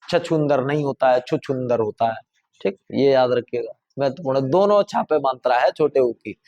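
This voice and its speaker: A man's voice: mid-range voice, normal speed, darkish tone, dull audio. A man teaching a grammar class, explaining pronunciation patiently and repeating example words aloud to stress their sounds.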